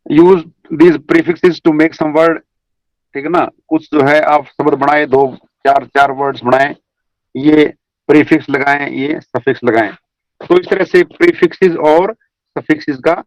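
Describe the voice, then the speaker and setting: A man's voice: on the high side, no room sound, rough recording. A middle-aged man from India teaching an English class online, going over examples again and again. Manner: slow, repeats examples, mixes English terms into explanations.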